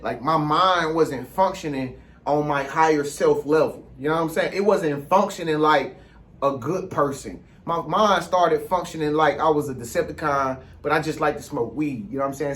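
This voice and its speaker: An American man with a fairly high, fairly bright voice hosts a vlog, rambling informally in street slang. He keeps circling back with little check-in phrases to make sure listeners are following.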